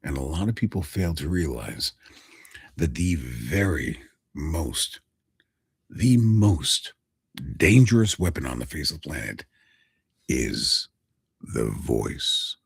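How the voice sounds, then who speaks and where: The recording is clean studio sound without echo, capturing a man hosting a casual live stream as a voice actor talking with his viewers. His voice is deep and gravelly, and his slow, very animated, dramatic delivery sometimes falls to a whisper.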